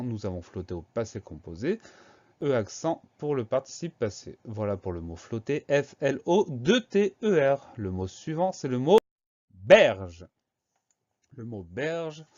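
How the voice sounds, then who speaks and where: A man's voice: mid-range voice, a little mellow. Man, spelling lesson, patient teacher, letter by letter, slightly dull recording.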